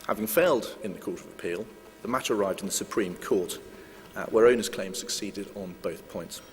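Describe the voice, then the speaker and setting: A very low-voiced man delivers a formal legal talk in a measured, hedging way, often pausing on filler sounds. His voice carries a long hall reverb, with a faint hum underneath. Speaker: lawyer giving a conference talk. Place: conference hall.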